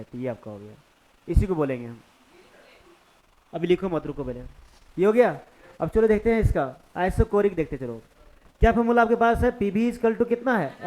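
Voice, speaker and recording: A man's voice: sits high, darkish tone, low-quality recording. A man teaching a physics class in Hindi-accented speech, explaining step by step and often asking the students whether they follow. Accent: Hindi-speaking eastern India. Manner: conversational, keeps checking understanding with the class. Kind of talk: classroom lecture.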